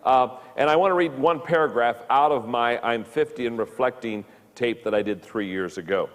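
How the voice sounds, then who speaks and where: A man in his fifties gives a recorded leadership lesson in a medium-pitched voice, with a long reverb tail on the sound. He is halting, often stumbling and repeating words as he talks.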